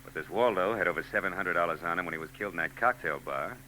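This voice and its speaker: Deep, bright and forceful, the actor races through his role as a wisecracking private eye who narrates a 1940s radio drama. His tone is dry and sardonic. The poor audio is old broadcast tape with faint noise.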